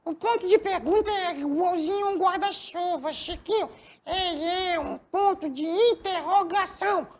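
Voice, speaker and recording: A woman playing a bossy little schoolgirl in a classroom skit, quick to scold. Her voice is extremely high and shrill. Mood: explaining. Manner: scolding, emphatic.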